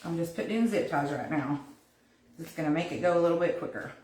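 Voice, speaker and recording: A woman's voice: low voice, fast talker, darkish tone, roomy sound, a little hiss or hum. A woman with a Southern US accent from North Carolina, hosting a live craft tutorial and chatting with viewers while she gives step-by-step instructions. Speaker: craft host.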